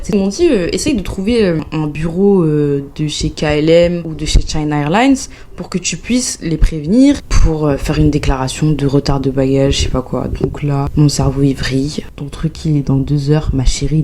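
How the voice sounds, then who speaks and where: A young woman from France telling a travel story as a vlog, replaying her own panic in a high voice. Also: moderate pace, hardly any pauses, warm tone. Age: young adult. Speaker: vlogger.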